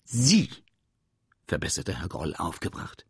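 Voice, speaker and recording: Slow storyteller, pitch all over the place, raspy dry close sound. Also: very animated, dry recording. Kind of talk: reading a children's book aloud.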